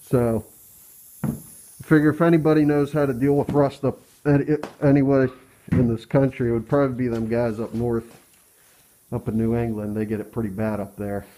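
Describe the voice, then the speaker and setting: An American man talking through a respirator mask, muffled, giving a casual hands-on how-to in a halting, plain-spoken way. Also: medium pitch, steady tone, dark tone, slight background noise. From Pennsylvania, US. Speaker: DIY truck restorer. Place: cluttered workshop, indoors.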